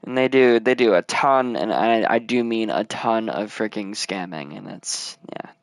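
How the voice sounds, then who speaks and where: A man's voice: fairly low pitch, unhurried, gravelly, no room sound, studio quality. A man chatting casually while playing a building game, rambling and mumbling counts under his breath. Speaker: gamer. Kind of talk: casual let's play commentary.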